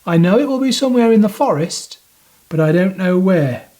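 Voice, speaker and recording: A man voicing a patient, kindly male magic mouse in a children's story, his voice pitched well above his own. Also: animated, normal speed, dark tone. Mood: explaining.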